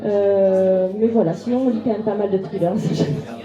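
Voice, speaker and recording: A woman's voice: medium pitch, fairly quick, dark tone. A woman bookseller speaking at a book talk. She talks hesitantly, with many "euh" fillers. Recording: roomy, dull sound with crowd behind.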